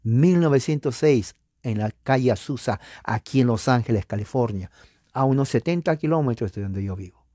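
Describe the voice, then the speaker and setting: A man lectures a class in a lively, swooping voice, firing rhetorical questions at his listeners. He sometimes counts items off aloud, dropping to a near whisper. The sound is dry and close, with no room around it. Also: medium pitch, moderate pace, dry recording. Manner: animated, rhetorical questions to the audience. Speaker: lecturer on church history. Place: lives near Los Angeles.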